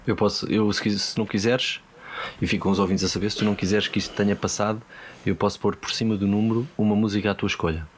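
A man's voice: lowish voice, fairly even intonation, fast talker, slight background noise. A man with a European Portuguese accent chatting casually and playfully as a podcast co-host, with a teasing manner. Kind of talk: casual comedic chat.

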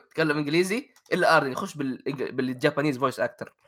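Guy talking games super fast, drops english words everywhere, bright excited fan voice. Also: a little high. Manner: mixes Arabic with English words and phrases. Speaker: gaming show co-host. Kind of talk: casual chat about video games.

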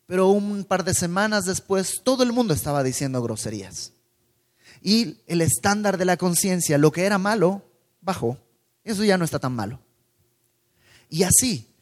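Preacher man with a higher voice in a reverberant hall. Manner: calm teaching tone with rhetorical questions. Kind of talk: sermon.

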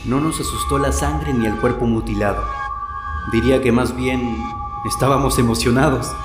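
A man playing a haunted blind witness, telling his memory in a slow, grim way. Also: mid-range voice, steady tone, lightly acted. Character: haunted blind male witness, grave, middle-aged. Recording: roomy echo with loud music.

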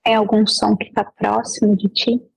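Breathy, gravelly woman guiding a meditation. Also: mid-range voice, flat delivery, rough recording. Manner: gentle, unhurried instructions with long pauses. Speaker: meditation guide. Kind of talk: guided meditation.

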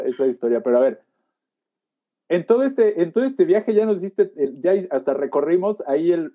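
A man's voice: a little high, dark tone. A man hosting a podcast in casual chat, joking and slangy. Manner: joking, slangy, fills with "güey". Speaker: podcast host.

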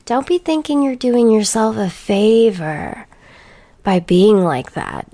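A woman hosts a solo podcast in an unhurried, drawn-out delivery. She is blunt and profane and rants with a sarcastic edge. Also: medium pitch, sing-song, warm tone. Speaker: podcast host.

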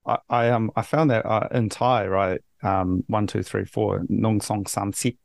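A man's voice: fairly low pitch, fairly even intonation, a little slow, vocal fry, no room sound, studio quality. A man from New Zealand hosting a podcast interview, chatting casually and rambling with frequent restarts. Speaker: podcast host.

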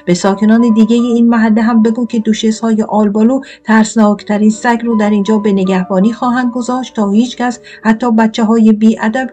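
A loud, blustering tomato knight throws his weight around, as a woman reader puts him on. He rants like a bully, threatening and pompous. Soft piano plays behind. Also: fairly high pitch, pitched above the performer's own voice, lightly acted. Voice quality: shouting, blustering.

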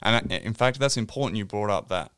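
Low-voiced man teaching scripture casually. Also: fairly quick, smooth, no echo, clean studio sound. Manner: relaxed, teasing, explains with examples. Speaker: podcast co-host. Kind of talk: casual Bible teaching chat.

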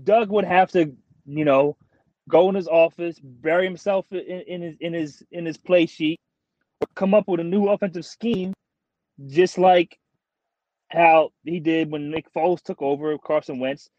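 Young man, frat-bro manner, higher-pitched voice, casual sports podcast chat, slangy, dry muffled recording. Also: steady tone, measured pace, a little mellow, no echo. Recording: dull, dry lo-fi audio.

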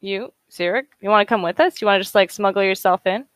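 A woman playing in a tabletop game, talking in a quick, questioning way. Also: medium pitch, dry recording. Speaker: player. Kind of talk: tabletop role-play banter.

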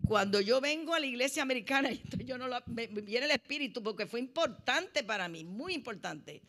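A middle-aged woman with a Puerto Rican Spanish accent tells her conversion story with lively, animated storytelling. Her voice sits slightly high, and she acts out the people she quotes. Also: brisk. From Puerto Rico. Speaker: church member sharing testimony. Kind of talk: personal testimony in conversation.

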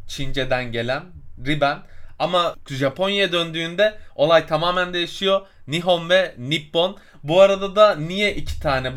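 With a fairly high pitch and a bit of brightness, a male travel podcast co-host chats casually through a long story. He explains at length, rambling with many fillers and pausing to find his words.

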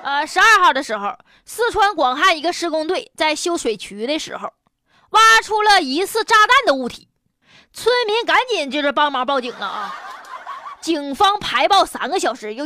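This news commentary host has a high voice with lively intonation and a slightly bright tone, speaking at a moderate pace with no room sound. She's a woman with a Northeastern Mandarin accent whose take on the news is funny, casual, frank and full of opinions.

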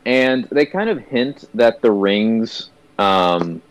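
A man's voice: fairly low pitch, lively intonation, slow pace, poor audio. A young man co-hosting a movie review chat, rambling with many fillers and restarts. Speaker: movie review podcast co-host. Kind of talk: casual chat.

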